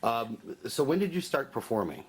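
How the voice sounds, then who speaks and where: A man's voice: medium pitch, sing-song, normal speed. A man interviewing an elderly guest with brief, prompting questions.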